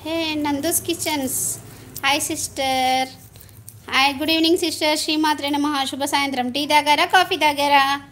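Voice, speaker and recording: A middle-aged woman talks to her live-stream viewers in a high, chatty voice. She laughs easily and greets people as she goes. A faint hum sits behind her. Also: steady tone, normal speed, a bit bright. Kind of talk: casual chat on a live stream.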